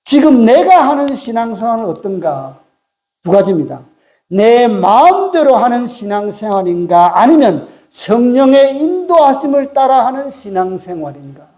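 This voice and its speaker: A man's voice: high-pitched, mellow. A man in his sixties preaching a sermon as pastor, emphatic, repeating his key phrases and putting questions to the congregation.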